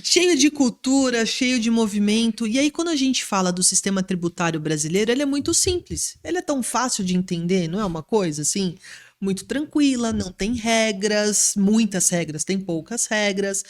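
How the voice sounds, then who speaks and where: A woman's voice: medium pitch, animated, moderate pace. A Brazilian woman hosting a business podcast, talking enthusiastically and teasing with irony. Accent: Brazilian Portuguese. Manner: enthusiastic, ironic when teasing. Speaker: podcast host. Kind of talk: lively podcast interview.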